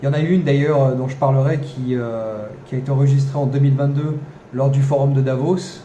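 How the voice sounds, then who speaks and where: A man's voice: medium pitch, steady tone, a little fast, dark tone. A man hosting a podcast, talking off the cuff with many fillers, restarts and wry ironic asides. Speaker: podcast host. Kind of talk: unscripted commentary monologue. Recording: echoey room, faint background noise.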